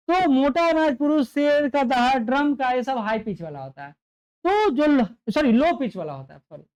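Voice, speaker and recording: A man's voice: very high voice, smooth, dull audio. A man teaching an exam-prep lecture, repeating key points and checking understanding with rhetorical questions. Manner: gets louder and softer to demonstrate sound.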